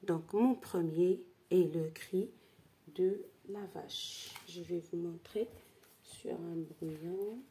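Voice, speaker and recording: Woman teacher, very slow delivery, dark husky voice, going step by step through exercises. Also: on the low side. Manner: spells out syllables, checks in with d'accord. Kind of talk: slow worksheet lesson.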